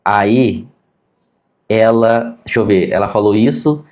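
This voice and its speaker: Speaking slowly in a lowish voice with a Brazilian accent, a sign language teacher and interpreter tells stories in a casual lesson for viewers. He's animated and acts out the quoted dialogue.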